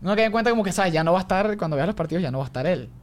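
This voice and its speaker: A young man on a casual podcast, loose and swearing, tossing in quick agreeing asides. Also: high voice, lively intonation. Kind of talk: casual chat.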